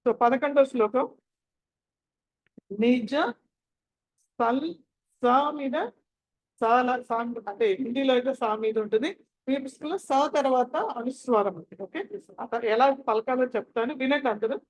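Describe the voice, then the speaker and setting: A woman's voice: high-pitched, a little slow, long pauses, low-quality recording. A woman teaching chant recitation, patiently spelling out syllables one by one and repeating words for her students to copy. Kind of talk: chanting pronunciation lesson.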